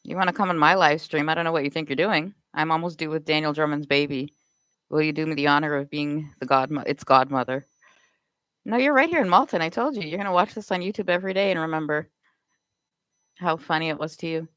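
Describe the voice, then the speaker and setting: A woman's voice: low voice, quick pace, fairly bright tone, clean tone, no room sound, low-quality recording. A Canadian woman live streaming, firing off accusatory rhetorical questions in a confrontational rant.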